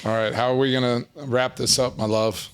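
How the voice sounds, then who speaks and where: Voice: medium pitch, flat delivery, brisk, smooth. A podcast co-host in casual chat, playful and joking, with a teasing manner.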